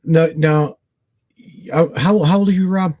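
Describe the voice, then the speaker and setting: A man's voice: on the high side, steady tone, takes it slowly, darkish tone, dry recording. A man in his forties co-hosting a talk show, speaking emphatically and animatedly with casual slang. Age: 40s. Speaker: guest co-host. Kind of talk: casual conversation.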